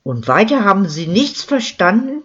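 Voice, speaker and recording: A man's voice: sits high, sing-song, normal speed, fairly bright tone, slightly rough, voice pushed up, heavily acted. A narrator voicing a stern, sceptical male village policeman who speaks formally and curtly, on a dull lo-fi recording. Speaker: character in a crime story.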